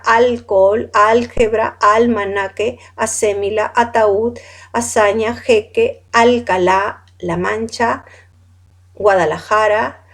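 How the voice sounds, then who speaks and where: A woman teaching a class, reading out long lists of words one by one, correcting how they are said and asking the students questions. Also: medium pitch. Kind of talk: classroom lecture.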